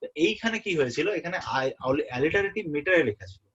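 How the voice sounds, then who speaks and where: A young man tutoring a student for an exam in a relaxed way. He often checks that the student is following and repeats the key terms. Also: on the high side, fast talker, husky. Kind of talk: informal exam-prep lesson. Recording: muffled lo-fi audio.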